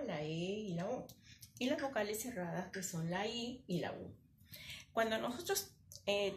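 A woman with a Peruvian Spanish accent teaching a primary class, explaining slowly and patiently, step by step. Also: medium pitch. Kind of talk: classroom lesson with opening prayer. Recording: echoey room with faint background noise.

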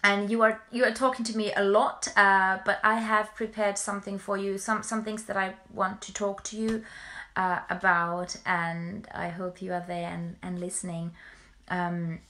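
A woman's voice: mid-range voice, flat delivery, normal speed, bright, forceful tone. A young adult woman from Finland chatting casually on a livestream, hesitant and often repeating her words as she goes. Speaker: musical performer livestreaming to followers. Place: small bedroom at home, indoors. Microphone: phone or webcam at arm's length.

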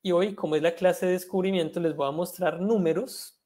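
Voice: medium pitch, steady tone, brisk, mellow. A French teacher giving an online language lesson over a video call, spelling words letter by letter and switching between Spanish explanations and French examples.

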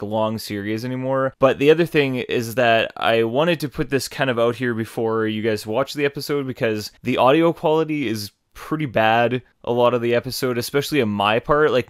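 A gaming host with a clear, resonant, mid-range voice makes a casual, unscripted announcement to his viewers, rambling and apologetic. The recording is dry and clean studio sound, with music in the background.

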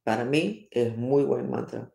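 A woman's voice: a bass voice, a little slow, creaky, mellow. A woman astrologer giving an emphatic, dramatic spoken horoscope reading and acting out each sign. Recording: roomy echo.

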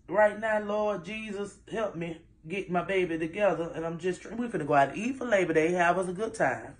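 A middle-aged woman, a single mother, chatting and rambling to her viewers. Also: lowish voice. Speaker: single mom vlogging. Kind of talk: casual chat to viewers.

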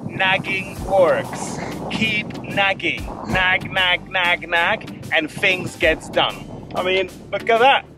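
A man with a high voice talks casually on a sailing vlog, teasing and playful, stretching out his jokes. As the boat's first mate, he sounds light and mischievous. Music plays clearly underneath him. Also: slow.

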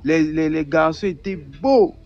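A man's voice: on the high side, a little slow, vocal fry, darkish tone. A young man telling a personal testimony, repeating words and acting out the dialogue as he goes. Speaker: guest giving a testimony. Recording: dull lo-fi recording.

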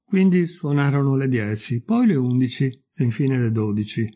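A man reading a fairy tale aloud in calm, measured, expressive storybook narration. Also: mid-range voice. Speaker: audiobook reader.

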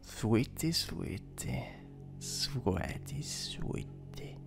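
A man voicing a sadistic, possessive incubus demon in a whispered role-play, taunting and menacing, with a breathy, gravelly delivery. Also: medium pitch, expressive, music in the background, full character voice. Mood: playful, sinister. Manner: slow, menacing, mocking incubus teasing.

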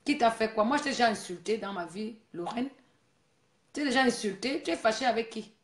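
A woman's voice: on the high side, animated, brisk, roomy sound. A woman hosting a Facebook live video, talking casually and scolding her viewers, repeating her points. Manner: scolding, preachy, repeats herself. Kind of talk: casual live-stream monologue.

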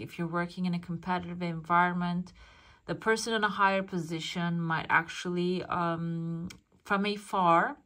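A woman's voice: lowish voice, fairly bright tone. A woman speaking as a fortune teller, giving a casual reading straight to the viewer and musing aloud as she interprets. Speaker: fortune teller, channel host. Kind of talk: casual coffee cup fortune-telling reading.

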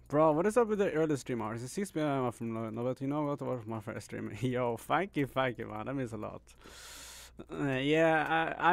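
A man's voice: mid-range voice, gravelly. A young man live-streaming a game, chatting casually with viewers, laughing often and calling people bro and man. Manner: laid-back, laughs often, says "bro" and "man" a lot.

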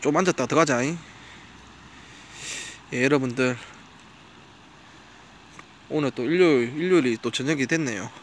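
A man's voice: mid-range voice, normal speed, pauses often, slight background noise. A man chatting casually to camera while walking his dog by a riverbank outdoors, now and then coaxing the dog. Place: outdoors by a gravel riverbank at dusk.

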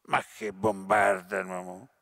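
A man's voice: deep voice, level tone, slow, vocal fry, pushed and bright, no room sound, clean studio sound, pitched below the performer's own voice, full character voice. A man reading a toothless, hysterical sneerer. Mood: sneering.

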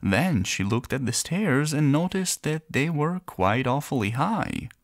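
A man reading a children's fairy tale aloud in a gentle, playful storyteller manner. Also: fairly high pitch, big pitch swings, measured pace, no room sound, clean studio sound. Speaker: narrator.

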